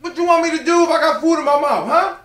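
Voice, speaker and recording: An exasperated college-age son. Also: male voice, very high voice, big pitch swings, roomy sound, exaggerated voice. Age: young adult. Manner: fast, argumentative, loud outbursts. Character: exasperated young man arguing with his father. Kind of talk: comedy sketch acting.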